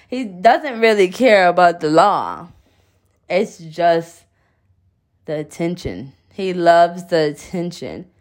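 A young woman talks straight to her viewers in a loose, casual recap, swearing freely and breaking into laughing asides. Her voice sits on the low side, and she takes her time, drawing out her words at an unhurried pace. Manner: animated, profane, laughing asides. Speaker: vlogger.

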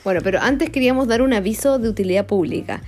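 A woman's voice: on the high side, fast, darkish tone, faint music behind. A woman reading a children's book aloud, stopping to explain and ask questions. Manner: explaining and asking questions between the pages.

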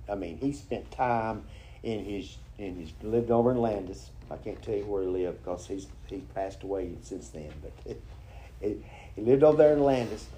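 Male preacher, folksy and halting, dark mellow tone. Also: lowish voice. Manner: folksy storytelling, halting restarts. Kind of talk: informal sermon with prayer and anecdote.

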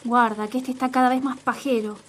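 Defiant Argentine factory coworker, high voice, blunt and rebellious. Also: female voice, flat delivery, fairly quick, slightly rough. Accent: Argentine Spanish. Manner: blunt, foul-mouthed, rebellious. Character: outspoken young female coworker, defiant. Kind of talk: comic audio sketch acting.

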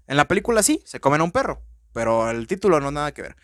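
Profane, excitable Mexican man, slightly high. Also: fast talker, dry recording. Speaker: podcast host. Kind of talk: casual movie-review monologue.

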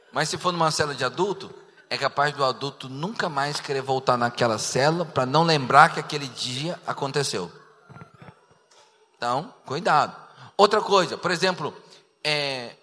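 Joking pastor in an echoing hall. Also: male voice, a little high. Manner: humorous, animated, jokes with the congregation. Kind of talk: sermon teaching to a church. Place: church hall. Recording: long reverb of a large hall.

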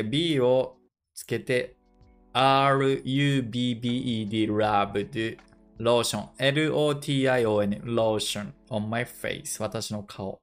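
A man hosting a casual dictation lesson. He thinks aloud and repeats English phrases slowly to check how they sound. His first language is Japanese. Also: mid-range voice. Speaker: podcast host leading a dictation session.

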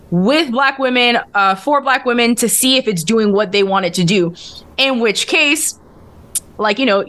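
A woman with a somewhat high voice talks as a podcast guest. She explains casually and conversationally, with slangy, informal phrasing. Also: fairly bright tone. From outside the US. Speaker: podcast guest, research scientist.

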